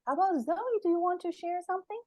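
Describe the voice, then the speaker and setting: Animated woman reading to children. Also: very high-pitched, quick pace, no room sound. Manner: animated, encouraging, asks children questions. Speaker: author reading her book to children. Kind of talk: storytime read-aloud.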